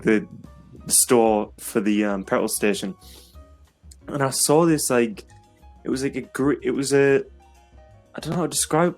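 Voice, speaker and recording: A young man, co-hosting a casual podcast and telling stories that are full of laughter. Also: medium pitch. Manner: laughing, storytelling with loud acted quotes. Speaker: podcast co-host. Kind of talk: casual chat.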